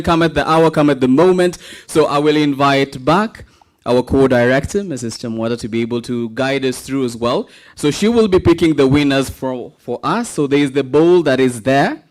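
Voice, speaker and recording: A man's voice: mid-range voice, a little mellow. A man emceeing a live raffle draw at an event, playful and teasing, calling numbers like an auctioneer.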